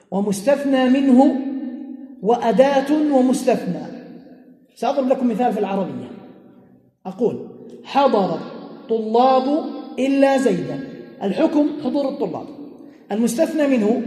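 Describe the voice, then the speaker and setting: Guy teaching a class, lots of examples and little laughs, mellow voice, big echoey hall. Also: extremely high pitch. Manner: explains through examples, quizzes students, chuckles often. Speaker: teacher of Islamic jurisprudence. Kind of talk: classroom lesson. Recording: echoey hall with long reverb.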